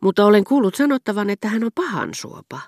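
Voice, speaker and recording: A woman's voice: mid-range voice, big pitch swings, a little mellow, dry recording, studio quality, pitched above the performer's own voice. Woman reading as a fretful refined princess. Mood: worried. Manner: anxious, eager to please.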